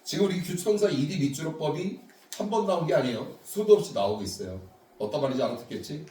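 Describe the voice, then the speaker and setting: A man's voice: fairly high pitch, animated, fast, warm tone. A man teaching English grammar to a class, explaining step by step and quizzing his students with questions. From South Korea. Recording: roomy classroom sound from far off.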